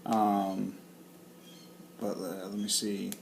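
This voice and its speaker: A man co-hosting a casual sports chat, animated and getting loud when he rants. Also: lowish voice, very slow, gravelly, slight background noise. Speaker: co-host.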